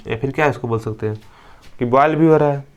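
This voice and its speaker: A man's voice: medium pitch, quick pace, smooth. Young man lecturing students, repeating terms. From India. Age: young adult. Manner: asks questions then answers them himself, repeats key terms. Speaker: teacher. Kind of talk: classroom lecture.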